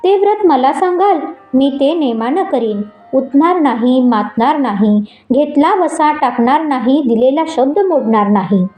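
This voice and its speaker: A woman's voice: sits high, animated, a little slow, dark tone, reverberant, faint music behind. A woman voicing an anxious young palace maid who asks questions and pleads. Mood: pleading.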